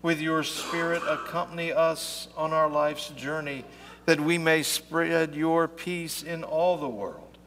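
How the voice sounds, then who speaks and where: A man's voice: fairly high pitch, steady tone, slow. A pastor leading worship, chanting the liturgy and praying in a large church, his voice carrying a cathedral-like echo. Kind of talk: sung liturgy and spoken prayer. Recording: echoey church from far off with loud organ music. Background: loud worship music.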